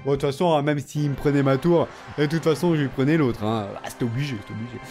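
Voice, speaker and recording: A tired man casually commenting on his own game, excitable and talking to himself and his opponent. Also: mid-range voice, quick pace, soft background music. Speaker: gaming video host.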